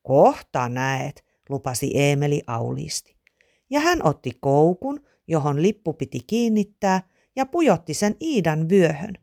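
Animated woman reading a storybook. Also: low voice, vocal fry. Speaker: narrator.

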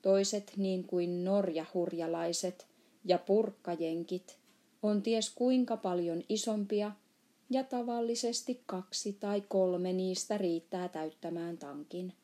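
A woman's voice: fairly low pitch, fairly even intonation, mellow, close to an everyday voice. Woman playing a friendly giant with mangled words. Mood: emphatic. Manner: mangled words, playful boasting. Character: big friendly male giant, odd grammar. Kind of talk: storybook reading.

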